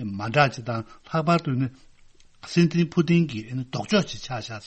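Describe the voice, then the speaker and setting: A man speaks alone about world affairs. His husky, breathy voice sits at an ordinary pitch. His sentences run on into one another. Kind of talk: solo talk on world affairs.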